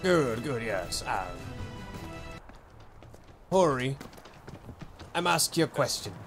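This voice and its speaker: A man's voice: medium pitch, expressive, a little slow, fairly bright tone. A young man streaming a game, talking in a jokey mock pirate voice and saying "arr" a lot. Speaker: streamer playing a pirate character. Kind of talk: casual gaming chat in a pirate voice. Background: game music.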